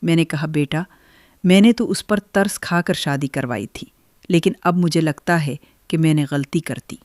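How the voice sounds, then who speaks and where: An older woman telling her own family story in the first person, in a measured, gentle way. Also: low-pitched, dry recording.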